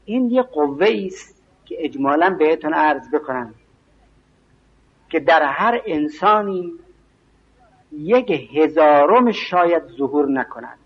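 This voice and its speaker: A preacher delivers an evening lecture in a slow, weighty cadence, often stopping to recite scripture and poetry. His voice sits fairly high for a man, and the recording sounds dull and muffled. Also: animated, slightly rough. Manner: slow, emphatic, quotes scripture and verse.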